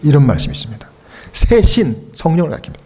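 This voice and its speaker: A middle-aged pastor from Korea preaches to his church, his man's voice sitting somewhat high. He tells stories and acts out the people in them, and his voice swings up to near shouts at the peaks. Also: very animated, fast talker, breathy edge. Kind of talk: revival sermon with storytelling. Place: church sanctuary.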